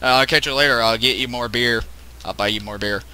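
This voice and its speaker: A man's voice: mid-range voice, fairly even intonation, brisk, sharp tone, clean tone. A man giving casual, joking commentary while playing a video game, swearing and laughing at what happens on screen. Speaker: let's play gamer.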